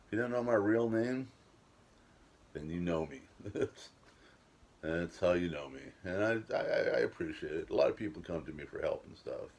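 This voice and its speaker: A man's voice: sits low, a little mellow. A middle-aged man telling a rambling, casual story about his life, swearing freely and laughing at himself.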